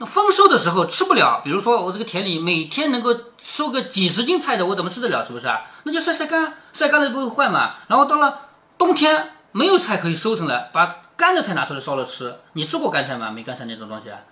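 Casting note: male storyteller, animated delivery, bright tone, chatty explainer who keeps checking in with the listener. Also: sits high, fast. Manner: chatty explaining, frequent tag questions. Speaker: father reading aloud to his daughter.

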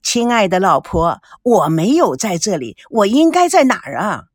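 A woman's voice: medium pitch, very animated, moderate pace, dry recording, studio quality. Woman doing a cheeky playful young man. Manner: joking, cheeky, sometimes sighing.

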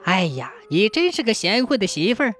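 A woman's voice: mid-range voice, very animated, fairly quick, faint music behind. A woman voicing a sly, lecherous and cruel village man who snickers and bellows threats in a storybook tale. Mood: angry. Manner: leering snicker, shouting threats.

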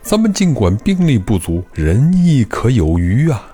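A male storyteller voicing an old, stubborn, self-righteous duke who lectures and scolds in a lively, rising voice. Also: mid-range voice, a little slow, slightly rough, soft background music. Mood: scornful.

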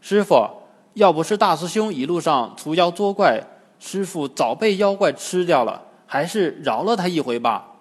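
A man's voice: a little high, lively intonation, moderate pace, slightly rough, pitched above the performer's own voice. A man voicing an earnest, loyal monk disciple pleading on his brother's behalf. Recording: long hall reverb.

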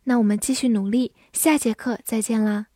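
A woman teaching English vocabulary, saying each word twice and then listing its meanings in a measured reading. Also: a little high, steady tone, dark tone, dry recording, studio quality.

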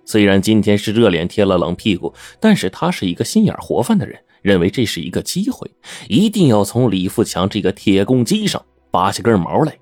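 一位男说书人以口语化的方式讲故事，语气生动，常带"啊""呢"等语气词。. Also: male voice, fairly low pitch, a little fast, few pauses, no echo, soft background music. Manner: lively, colloquial, chatty asides. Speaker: storyteller. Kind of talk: oral storytelling.

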